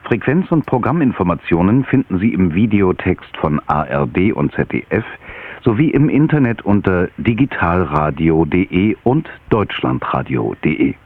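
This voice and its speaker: Male radio announcer, deep and formal, tinny AM broadcast sound. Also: very animated. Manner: measured, formal reading. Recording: narrow-band AM radio with faint music.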